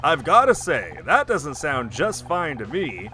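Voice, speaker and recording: A smug, mocking ex-husband from a video game , played by a man, delivered like a sportscast announcer in deliberately terrible, hammy acting. Loud music plays behind the voice. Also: a little high, huge pitch swings, full character voice. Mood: smug mockery. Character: smug, mocking male ex-husband, bottom feeder. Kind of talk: video game character voice-over.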